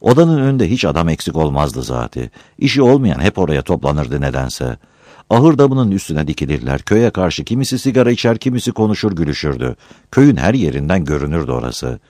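A man's voice: a bass voice, a little fast, dry recording, clean studio sound. A man reading a story aloud, narrating expressively and voicing the characters. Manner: expressive, performs character voices.

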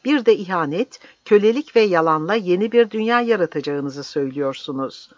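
A reader voicing a fiery old village priest who shouts his defiance in an impassioned, declaiming way, on a dry, slightly dull recording. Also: medium pitch, lively intonation, a little fast, no room sound, pitched above the performer's own voice, natural voice. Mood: defiant, shouting.

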